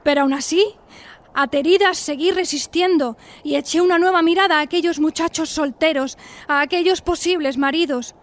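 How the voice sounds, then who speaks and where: The mood turns tragic and solemn as an actress, lightly acting at a moderate pace, voices a high-pitched, melodramatic young single lady of the 1890s. Still confiding and coquettish, this romantic, self-dramatising narrator and lead carries a theatrical first-person radio drama monologue.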